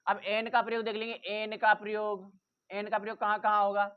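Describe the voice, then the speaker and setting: A woman with a medium-pitched, completely flat voice teaches English grammar fairly quickly in a classroom-style lesson. She repeats points and asks the class rhetorical questions, captured in a dull lo-fi recording.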